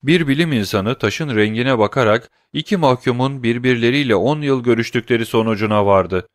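Calm man reading an audiobook. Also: mid-range voice, a little fast, no room sound, studio quality. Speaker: narrator. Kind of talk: audiobook narration.

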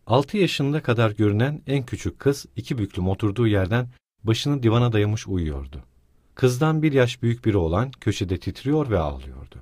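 A man narrates a classic novel in a low, husky voice. His reading is measured and dramatic. The recording is close and dry. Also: a little mellow, no echo. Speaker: audiobook narrator. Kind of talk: scripted literary narration.

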